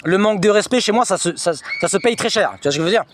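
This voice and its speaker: A man with a high voice tells his own story at a rapid clip, his pitch jumping all over as he talks. He is agitated and slangy, and he circles back to the same phrases again and again. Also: lively intonation, noisy background. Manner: agitated, repetitive, slangy retelling. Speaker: vlogger recounting personal experiences. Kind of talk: personal storytelling monologue.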